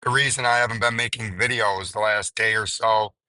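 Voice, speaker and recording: Male crypto chart commentator, hoarse and strained, very forceful raspy edge, flat lowish delivery. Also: fairly quick, no room sound. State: hoarse, voice nearly gone. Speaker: crypto video host.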